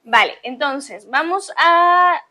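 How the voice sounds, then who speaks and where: A woman from Honduras preaching a sermon, speaking in short phrases and pausing for an interpreter. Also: sits high, expressive, bright, forceful tone. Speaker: guest preacher. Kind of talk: bilingual sermon with live interpreter.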